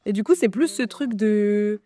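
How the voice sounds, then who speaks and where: A woman's voice: medium pitch, unhurried, mellow, no room sound, studio quality. A young woman co-hosting a podcast, talking in a casual, informal way. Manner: informal, conversational. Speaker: podcast co-host. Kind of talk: casual chat.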